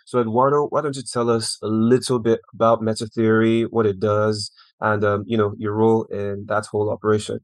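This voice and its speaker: Male podcast host, low and monotone, dry close sound. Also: brisk, no room sound. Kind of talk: podcast interview, scripted intro.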